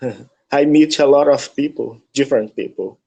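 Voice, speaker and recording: As a student in an online English lesson over a video call, a native Portuguese speaker with a Brazilian accent speaks haltingly, searching for words. His mid-range voice is gravelly with a darkish tone, and the recording is rough.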